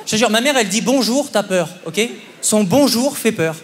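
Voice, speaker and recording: Young male stand-up, high voice, big hall. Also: lively intonation, moderate pace. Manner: punchy, conversational, often checks in with "ok?". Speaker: stand-up comedian. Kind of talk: stand-up comedy. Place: theatre stage at a comedy festival. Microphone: stage microphone. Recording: long hall reverb, live audience. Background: audience laughter and applause.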